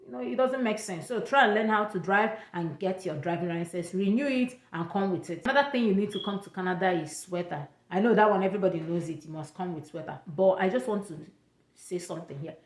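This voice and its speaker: Talking quickly in an echoey room, a medium-pitched young woman with an Igbo accent from Nigeria shares travel advice on her casual vlog. She's chatty, goes over her points more than once, and adds pidgin touches.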